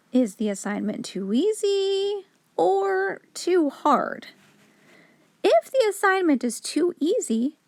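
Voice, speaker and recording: The host, a children's story reader with a high voice, reads a picture book aloud for young children. Her tone swings up and down with lots of energy as she explains like a teaching storyteller, and the dry, close audio carries no room sound.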